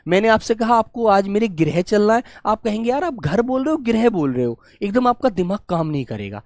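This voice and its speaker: A male Hindi teacher giving a live online exam-prep class, speaking affectionately to his students and slowly repeating key phrases for them to write down. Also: high-pitched, no echo, studio quality.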